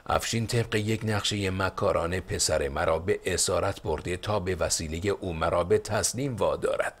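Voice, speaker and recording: A man's voice: deep voice, breathy edge. A man playing a stern, decisive rebel leader and father in an audiobook.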